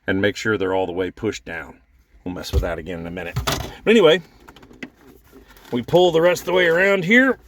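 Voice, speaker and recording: A man hosting a casual car repair how-to, chatty and dropping deadpan jokes. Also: lowish voice, brisk, long pauses, background noise. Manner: joking, chatty, deadpan asides. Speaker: DIY car repair host.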